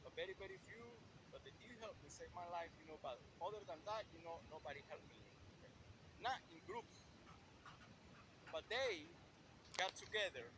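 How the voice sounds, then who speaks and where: A man's voice: high voice, big pitch swings, normal speed. A man from El Salvador, talking outdoors in a rambling street monologue and saying "you know" constantly. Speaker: vlogger. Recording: noisy street with passing traffic.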